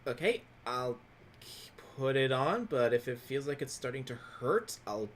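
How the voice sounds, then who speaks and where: A man of average pitch talks through his choices in a tabletop game. He is cautious and casual, with faint noise in the background. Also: expressive, a little slow, a bit bright. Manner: cautious, deliberating. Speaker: player in a tabletop role-playing game.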